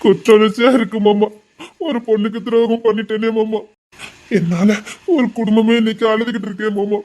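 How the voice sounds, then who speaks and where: A man's voice: very high-pitched, fast talker, fairly bright tone. A man acts out a remorseful young man who blames himself. His voice cracks as he pleads and sobs. It is an anguished, raw voice from a Tamil audio drama. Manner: pleading, choked, sobbing. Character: guilt-ridden young man, remorseful and sobbing.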